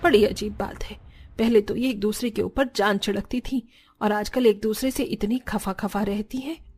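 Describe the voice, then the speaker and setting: A woman's voice: mid-range voice, steady tone, moderate pace, a little mellow, a little hiss or hum, close to an everyday voice. A woman voicing a middle-aged mother-in-law in a dubbed cartoon, talking in a plain, earnest, conversational way. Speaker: voice actor.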